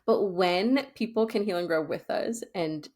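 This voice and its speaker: A woman's voice: on the low side, normal speed, darkish tone. A woman co-hosting a podcast, responding in an affirming, encouraging way during a candid conversation. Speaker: podcast co-host.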